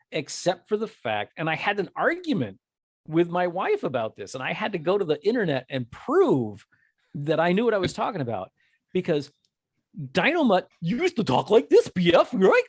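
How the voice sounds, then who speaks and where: A man's voice: fairly high pitch, no echo. A man co-hosting a casual chat about movies, rambling with many restarts. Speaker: podcast co-host.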